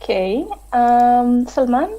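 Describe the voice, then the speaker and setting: A woman's voice: on the high side, lively intonation, slow pace, dark tone, muffled recording. A woman hosting an online panel discussion over a video call, chatty with many fillers. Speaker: host.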